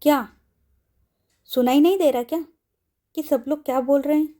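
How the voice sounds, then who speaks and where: A woman's voice: high-pitched, moderate pace, warm tone, voice pushed up, lightly acted. A woman voicing a stubborn, angry young woman who speaks in a cold, scolding way in a storybook audio drama.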